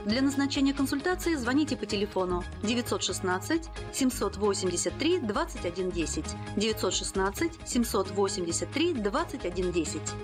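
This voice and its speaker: A woman's voice: medium pitch, sing-song, brisk, hardly any pauses. A woman announcer reading a scripted infomercial-style radio advertisement. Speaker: commercial announcer. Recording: music bed behind the voice. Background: music.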